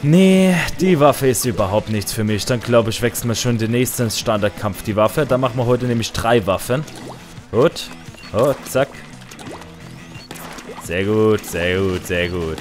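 Excitable man commentating his gameplay. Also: normal speed. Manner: excitable, swings to loud high outbursts. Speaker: gaming let's player. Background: faint game music.

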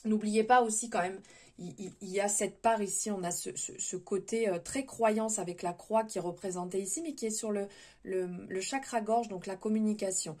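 A woman's voice: mid-range voice, fairly even intonation, moderate pace. Hesitant woman giving a tarot reading. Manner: hesitant, many fillers and restarts; gentle, advising. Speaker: tarot reader. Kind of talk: spontaneous spiritual tarot reading.

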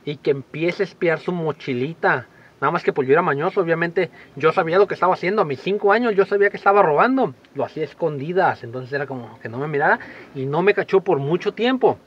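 A man's voice: a little high, fast talker, husky, muffled recording. A man, animatedly telling a personal story to the camera in a casual vlog, acting out voices. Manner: animated, acts out voices and shouts in his stories. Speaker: vlogger.

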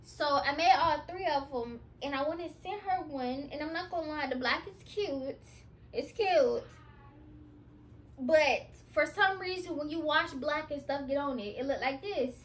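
In a home nursery, a woman in her twenties sorts clothes and packs boxes while chatting casually to a camera placed on the floor. She talks a little slowly in a high-pitched voice, and there's slight background noise.

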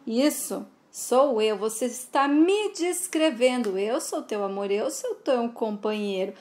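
A woman's voice: fairly high pitch, lively intonation, slow, a little mellow. A woman voicing a smug, cruel villainous man who taunts in a sing-song way. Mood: sneering, gloating. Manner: sing-song, sneering, keeps calling her sweetheart.

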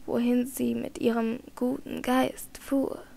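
A devout, naive old lady speaks slowly with gentle insistence, her voice pitched a little high with a gravelly rasp underneath, as an audiobook reader puts her on. She sometimes drops to a hush. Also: little pitch movement, exaggerated voice. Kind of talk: audiobook character reading.

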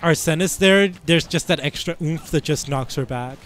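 An Icelandic esports commentator gives casual, rambling commentary on a fighting game match through a headset, laughing often in a giggly, playful way. His voice is on the high side and fairly bright, at a moderate pace.

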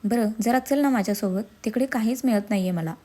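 A woman's voice: on the high side, brisk, mellow, natural voice. A woman voicing an irritable, overworked young husband in a storybook reading. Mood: whiny. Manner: curt, exasperated, then coaxing.

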